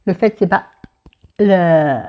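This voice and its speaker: A book vlogger with a southern French accent chats casually about a book while doing her makeup at her dressing table, filmed by a camera facing her mirror. Her voice sits on the low side and she takes it slowly, with the highs cut off. She rambles, digresses and talks to herself.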